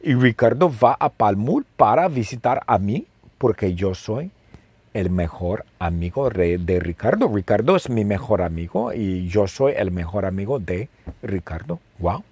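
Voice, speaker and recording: A man telling a simple story slowly and playfully, repeating phrases and asking the listener questions. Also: lowish voice, lively intonation, a little mellow, husky, no room sound. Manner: playful, with sound effects. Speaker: storyteller for language learners. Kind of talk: slow, simple storytelling with lots of repetition.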